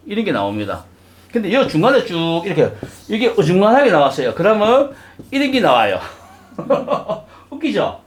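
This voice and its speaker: A middle-aged man lectures a live class in a roomy, echoing hall. His voice sits fairly high and swings widely in pitch. He quizzes the listeners and slips into little acted voices. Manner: asks the class questions, acts out little voices. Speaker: saju lecturer. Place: lecture room with audience.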